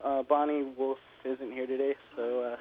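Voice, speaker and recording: A man calling in by phone, chatting casually with many pauses and fillers. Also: medium pitch, slight background noise. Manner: relaxed, filler-heavy talk. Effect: heard over a phone line. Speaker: band member calling in. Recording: tinny phone line.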